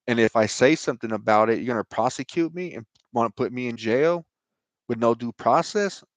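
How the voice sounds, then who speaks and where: Brisk and mid-range, his voice is captured dry. In informal religious talk to camera on his own online show, this man from the United States emphatically covers scripture and his own complaints, peppered with "right?" and "you know."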